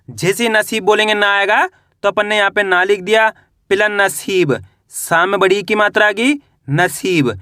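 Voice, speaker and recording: Bright high-voiced Hindi teacher spelling words. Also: male voice, no echo, clean studio sound. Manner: slow syllable-by-syllable spelling with repeated questions; addresses viewers as friends. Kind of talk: Hindi reading lesson for beginners.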